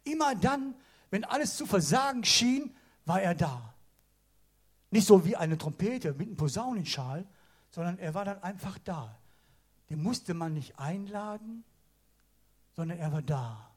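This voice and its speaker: Man, high husky voice, animated sermon, slangy storytelling. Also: measured pace, long pauses. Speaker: preacher. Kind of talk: casual lively sermon.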